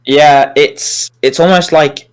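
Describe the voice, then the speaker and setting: A young man talking as a podcast guest in a halting, rambling way, restarting often and swearing casually. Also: on the high side, fairly even intonation, smooth. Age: young adult. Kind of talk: casual chat.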